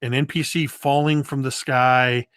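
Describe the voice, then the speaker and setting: A man guesting on an interview, telling game-table stories in a lively, animated way. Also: mid-range voice, unhurried, clean tone, no room sound, studio quality. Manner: lively storyteller, does voices and moves around. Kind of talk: casual interview talk.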